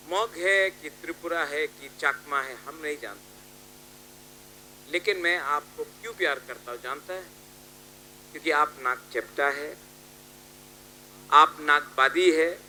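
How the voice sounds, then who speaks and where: A man's voice: on the high side, slow pace, pauses often, sharp tone. A man giving a rousing political rally speech, calling out and repeating his appeals to the crowd.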